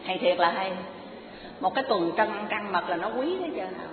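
A woman's voice: medium pitch, normal speed, crowd noise. Woman telling a dharma story. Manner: animated, humorous storyteller addressing the audience. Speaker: Buddhist dharma teacher. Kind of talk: sermon with storytelling. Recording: echoey hall over a tinny phone-like line with an audience. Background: audience laughter.

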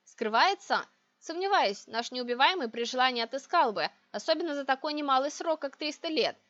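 A woman narrating a first-person fantasy audiobook in an even, wry storytelling manner. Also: sits high, fairly quick. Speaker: audiobook reader. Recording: dry, dull lo-fi recording.

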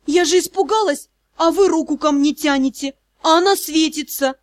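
A woman's voice: high-pitched, moderate pace, natural voice. Woman playing a frightened young female student. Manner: pleading, flustered.

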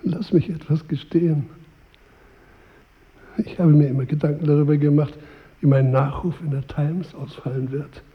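A man's voice: a little high, steady tone, moderate pace, pauses often, lightly acted. An actor playing a vain, weary King Arthur in a radio drama, speaking in a wry, stately manner. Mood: musing, haughty. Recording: roomy hall reverb, narrowed sound.

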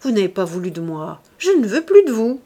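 A woman's voice: on the high side, animated, normal speed, a little mellow, lightly acted. A woman reading an audiobook, voicing a proud young society woman who mocks and teases her suitor. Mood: mocking. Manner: teasing, scornful.

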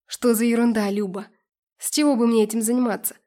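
A woman's voice: a little high, fairly even intonation, a little fast, warm tone, natural voice. A woman voicing a jealous, pushy ex-boyfriend in an audiobook reading. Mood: defensive. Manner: resentful, pushy. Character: jealous scheming ex-boyfriend, adult man.

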